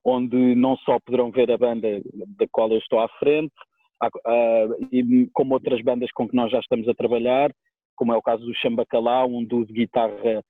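A man's voice: medium pitch, level tone, a little fast, no room sound. A man with a European Portuguese accent answering as an interview guest, casual, colloquial and wordy, over a tinny phone-like line. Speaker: guest, musician and DJ.

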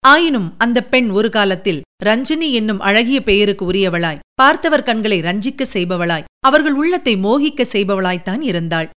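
Clear-voiced woman narrating an audiobook. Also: fairly high pitch, a bit bright. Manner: measured, dramatic storytelling with rhetorical questions.

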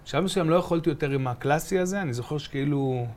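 Middle-aged male comedian guest, high-pitched, animated anecdotes full of impressions. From Israel, from Be'er Sheva. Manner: animated, acts out voices and sounds. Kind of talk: casual interview storytelling.

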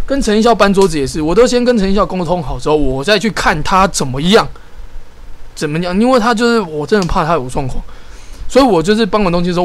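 A man, co-hosting a podcast and telling stories in casual chat, animated and exasperated, with frequent restarts. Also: high voice. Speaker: podcast co-host.

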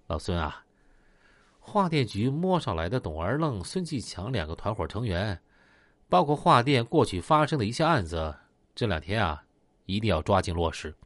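Man playing a middle-aged police chief, deeper and quieter than his narration, measured orders, dry close sound. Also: big pitch swings, no room sound. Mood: instructing. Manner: giving orders in a low, measured briefing tone.

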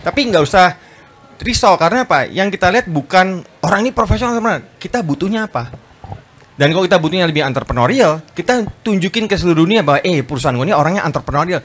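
A man speaking to an audience at a book talk, lively and chatty, acting out quoted voices and often addressing listeners politely. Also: high-pitched. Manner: animated, fast, acts out quoted voices, often adds "Pak". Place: bookstore event space.

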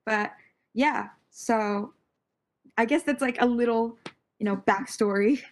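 A young American woman, born in Virginia and raised in Connecticut, chats casually as a podcast guest. Her voice sits on the high side and she takes her time, bubbling with enthusiasm and laughing often.

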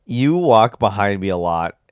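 A man's voice: on the low side, sing-song, unhurried, clean tone, no room sound. A man co-hosting a podcast in casual chat, full of joking, needling banter. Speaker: podcast co-host.

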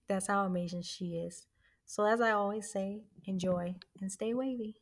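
A woman's voice: mid-range voice, moderate pace. A woman hosting a podcast, giving a chatty, eager introduction with casual fillers. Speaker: podcast host.

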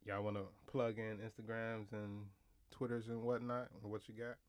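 A man's voice: lowish voice, flat delivery, moderate pace, clean tone. A young man co-hosting a podcast, talking in loose, profane, slangy banter. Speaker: podcast co-host. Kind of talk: casual chat.

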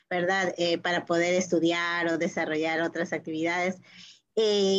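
A woman with a mid-pitched voice hosts an interview podcast. She listens closely, affirms her guest and asks thoughtful follow-up questions. Her audio is dull and lo-fi. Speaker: podcast host. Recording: dull lo-fi online call audio.

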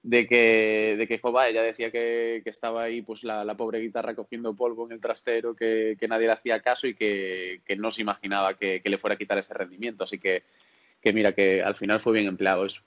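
A man's voice: on the low side, little pitch movement, brisk, fairly bright tone. A young man from Galicia, a singer interviewed on a podcast, who talks hesitantly, repeats words, and laughs often. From Galicia, Spain. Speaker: singer and guest.

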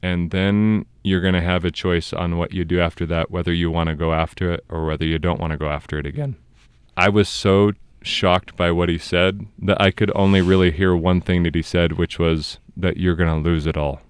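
A man in his thirties hosts a casual podcast, telling a personal story in an earnest way. His voice sits very low and comes across clean and smooth. The sound is close and dry, with no room around it. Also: flat delivery, normal speed, dry recording. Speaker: podcast host.

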